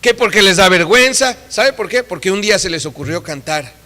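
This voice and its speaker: A man preaching a sermon in a church, emphatic and acting out the voices he quotes, swinging from loud to soft. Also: sits high, lively intonation, brisk, long reverb tail.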